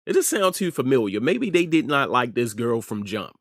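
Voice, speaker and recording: The middle-aged American host of an online news commentary show gives informal opinions, pressing his points hard and repeating phrases for effect. His medium-pitched voice swings widely in pitch at a moderate pace. The sound is dry and studio quality.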